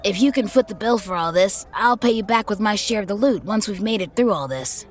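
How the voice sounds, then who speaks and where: A brash young griffin ranger with a blunt, sarcastic streak, acted by a woman. Her voice sits at an everyday middle pitch. She sounds like an audio drama character. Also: animated, fairly quick, soft background music, natural voice. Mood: hesitant. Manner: blunt, sarcastic, easily flustered.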